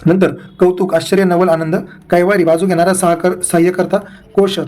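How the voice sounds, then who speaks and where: A high-voiced man reads out a vocabulary list for exam students. He goes through the words in quick pairs and short runs. His pitch barely moves from word to word. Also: little pitch movement, a little mellow. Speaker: exam-prep teacher.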